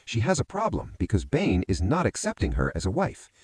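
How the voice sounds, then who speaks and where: A man's voice: medium pitch, a little fast, slightly rough, dry recording. A man narrating a movie recap as a story, often calling his listeners friends. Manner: addresses listeners as friends, lively rising and falling delivery.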